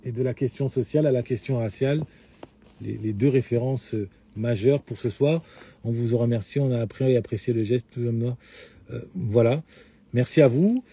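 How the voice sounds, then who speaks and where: A man's voice: mid-range voice, normal speed, dark tone, slightly rough. A middle-aged man talking at length in a lecturing way to his audience, full of hesitations and restarts. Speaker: host of a live talk answering questions. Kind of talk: unscripted lecture-style talk.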